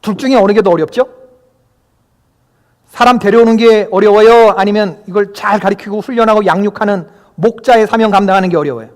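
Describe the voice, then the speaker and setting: High-voiced pastor preaching in a reverberant church. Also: male voice, quick pace, hardly any pauses. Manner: emphatic, keeps asking the congregation questions. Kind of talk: sermon. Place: church sanctuary. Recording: long hall reverb.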